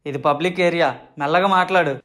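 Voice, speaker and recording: A woman voicing a cheeky, lazy teenage schoolboy in an animated comedy who talks back and complains. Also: lowish voice, natural voice. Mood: ranting. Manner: quick, mouthy, complaining.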